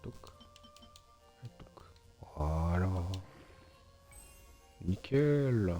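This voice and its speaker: A man's voice: low voice, animated, extremely slow, mellow, faint music behind. A man streaming a video game, muttering to himself in a hesitant, casual way and chatting with his viewers. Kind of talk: casual gameplay live-stream commentary.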